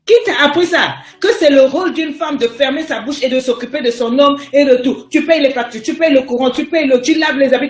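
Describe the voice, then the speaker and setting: High-voiced woman coach hammering questions. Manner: emphatic, hammering repeated rhetorical questions. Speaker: life coach. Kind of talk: motivational live stream talk. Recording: roomy echo with faint music.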